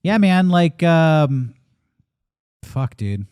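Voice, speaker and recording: A man's voice: on the high side, big pitch swings, extremely slow, a little mellow, clean tone, dry recording, clean studio sound. Reflective man in his late thirties. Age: 30s. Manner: candid, reflective, swears casually. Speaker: podcast co-host. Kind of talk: casual podcast chat.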